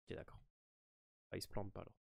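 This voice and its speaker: A man's voice: quick pace, a little mellow, no room sound. A man with a French accent giving a casual, hesitant game walkthrough full of fillers and restarts. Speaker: gaming walkthrough host.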